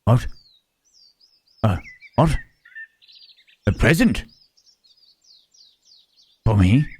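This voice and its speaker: A man voicing a gentle, melancholy, lonely monster in a halting, pensive ASMR roleplay, with formal wording and a husky, low voice. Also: lively intonation, exaggerated voice. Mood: touched, grateful.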